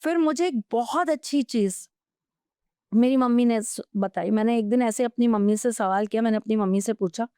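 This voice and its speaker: A woman speaks as a guest on a podcast, with a smooth, resonant voice that sits a little high. She gives earnest advice and tells stories from her own life. The room sound is dry and close. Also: moderate pace, dry recording. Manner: animated storytelling, anecdotes from her own life; advising, earnest. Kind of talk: podcast interview.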